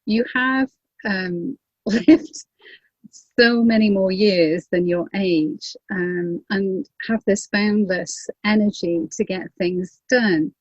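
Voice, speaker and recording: A woman's voice: mid-range voice, slow pace, dry recording, highs cut off. A woman in her fifties hosting an interview in a chatty, laughing way. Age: 50s. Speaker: host. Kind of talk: casual interview chat.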